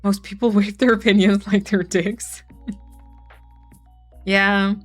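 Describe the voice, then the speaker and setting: A young woman chats casually on a live stream at a mid-range pitch, reading viewers' messages aloud and answering them. Her talk is loose and full of "like" and "um". Soft music plays faintly underneath. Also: level tone, slow. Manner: frequent fillers like "like" and "um". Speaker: streamer chatting with her chat.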